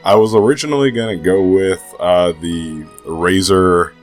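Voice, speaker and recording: A young man vlogs about gaming with faint music behind him, his low voice steady and measured. He's sick with a cold, nose stuffed up, and his laid-back rambling is hesitant and full of profanity.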